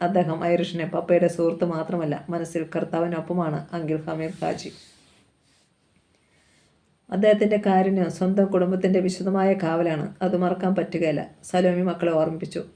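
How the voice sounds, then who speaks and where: A woman reading a novel aloud in a calm, even voice. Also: on the low side, brisk. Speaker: novel reader.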